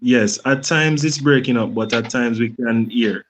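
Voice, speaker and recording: A man joining as a guest over an internet call that keeps breaking up, answering in halting, hesitant phrases. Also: mid-range voice. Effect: choppy internet call that breaks up. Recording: dull lo-fi call line with faint noise.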